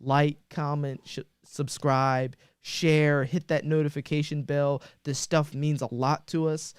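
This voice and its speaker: A male podcast host with a fairly high, smooth and resonant voice, recorded close and dry with no room sound. He chats casually with friends and drifts through his wrap-up with loose fillers and restarts. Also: flat delivery, a little slow, no echo. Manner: loose, rambling sign-off with many fillers. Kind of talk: casual sports podcast chat.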